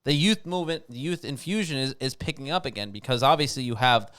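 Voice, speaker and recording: Co-host, New York man, smooth resonant voice, rambling and dry-witted. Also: mid-range voice, expressive, quick pace, fairly bright tone. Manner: dry wit, rambling, self-correcting. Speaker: podcast co-host. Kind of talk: hockey talk show chat.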